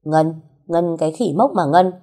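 A woman doing a sharp-tongued jealous young wife. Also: lowish voice, moderate pace, natural voice. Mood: teasing. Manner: teasing, scolding.

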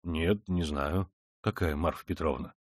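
Man voicing a calm, earnest young man. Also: low-pitched, a little slow, dry recording, clean studio sound, pitched below the performer's own voice. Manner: calm, thoughtful.

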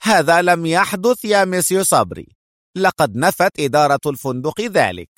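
A man's voice: medium pitch, very animated, normal speed, a bit bright, no room sound, studio quality. A man voicing a stern, suspicious male police inspector in an audiobook, speaking firmly and reproachfully. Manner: firm, reproachful.

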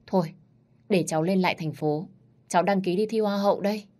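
A woman's voice: fairly low pitch, brisk, dark tone, pitched above the performer's own voice, close to an everyday voice. A woman voicing a cheeky young woman of twenty-two, playful and wheedling with her grandmother.

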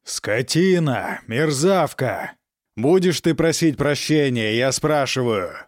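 A man's voice: mid-range voice, lively intonation, measured pace, dry recording, studio quality, close to an everyday voice. A man playing a cruel aristocratic count who harshly berates his daughter in an audiobook reading. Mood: furious. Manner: harsh, shouting, menacing.

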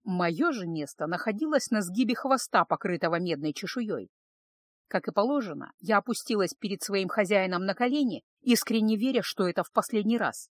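A woman narrates a first-person audiobook in a steady, expressive voice at a middle pitch. She is recorded close on a microphone in a dry space with no echo.

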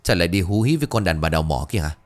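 A man voicing a gruff, domineering old father who is a moneylender, snapping and scolding. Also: sits low, expressive, rapid-fire, soft background music, voice pushed down.

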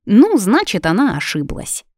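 A woman voicing a kindly, chatty maid who speaks in a gentle, reassuring way. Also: mid-range voice, wildly swooping pitch, measured pace, no room sound, studio quality, voice pushed up. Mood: soothing.

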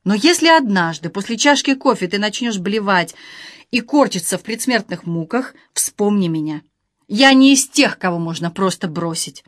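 A woman's voice: mid-range voice, animated, normal speed, dry recording, clean studio sound, natural voice. A woman reading an audiobook, voicing an emotional lover on the phone who moves from hurt to cold fury. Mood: icy threat. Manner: hurt, then furious and cutting.

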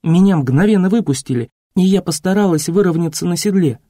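Guy reading an audiobook, high voice but warm and mellow, dry close mic. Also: no room sound. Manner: measured, expressive reading. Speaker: audiobook narrator. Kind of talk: scripted narration.

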